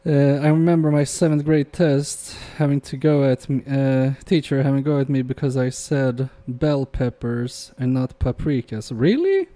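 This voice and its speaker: A young man who speaks Polish as his first language hosts a livestream, chatting casually with viewers while repairing electronics at his workbench. His dark, medium-pitched voice moves at normal speed with hardly any pauses. He reads the chat aloud and trails off into muttering as he works.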